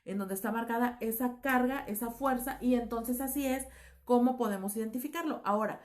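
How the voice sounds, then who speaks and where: A woman's voice: fairly high pitch, fairly quick, a little mellow. Woman teacher explaining a lesson. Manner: explanatory, many fillers, self-corrections. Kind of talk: recorded class lecture.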